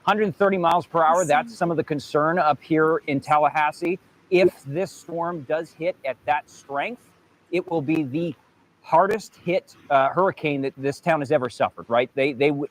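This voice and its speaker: A man's voice: a little high, a little hiss or hum, poor audio. Man reporting live on a storm, emphatic. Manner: emphatic, conversational, punctuates with rhetorical "right?". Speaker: TV field reporter. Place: outdoors in wind and light rain.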